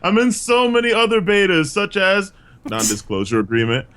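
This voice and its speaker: A man's voice: sits high, sing-song, moderate pace, fairly bright tone, smooth. A man who is a quiz show contestant, joking and self-deprecating in casual chat.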